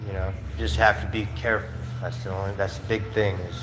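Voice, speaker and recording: A man with a low voice tells stories loosely on a livestream, circling back with fillers and laughing as he goes. His voice carries a long reverb from the room, with faint noise underneath. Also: flat delivery, fast, fairly bright tone. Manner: rambling, laughing storyteller with many fillers. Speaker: streamer. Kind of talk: casual livestream storytelling. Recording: roomy space with faint noise.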